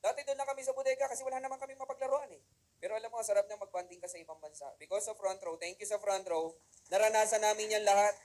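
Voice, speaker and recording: A man giving an animated motivational seminar talk to a live audience in a room, mixing Tagalog and English and often checking in with the crowd. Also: high-pitched, low-quality recording. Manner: animated, keeps asking the audience "di ba?". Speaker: motivational speaker.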